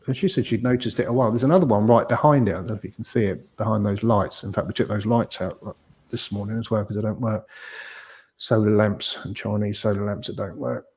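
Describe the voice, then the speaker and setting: A man's voice: mid-range voice, darkish tone. A man hosting a live stream, chatting casually and reading out viewers' comments, rambling with lots of fillers and joking asides. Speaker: host of a live property stream. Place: home, garden nearby.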